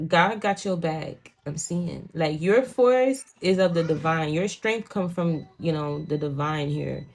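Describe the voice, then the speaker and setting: Her deep, gravelly voice moves at a measured pace as she does a casual tarot reading. A native Creole speaker raised in a Haitian home, the young woman has a Haitian Creole accent and talks bluntly, swearing and repeating "you know what I'm saying."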